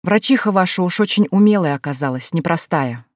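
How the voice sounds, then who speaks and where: A woman voicing a calm, sly middle-aged male sorcerer in a storybook reading, explaining at length. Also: fairly low pitch, fairly quick, no room sound, clean studio sound, natural voice. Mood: patient.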